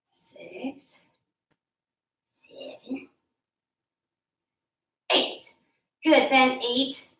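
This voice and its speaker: A woman's voice: a little high, a bit bright. A woman leading a home workout, counting reps aloud and making chatty, joking asides between sets. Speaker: fitness instructor. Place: room at home with a mirror. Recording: roomy echo, from a distance.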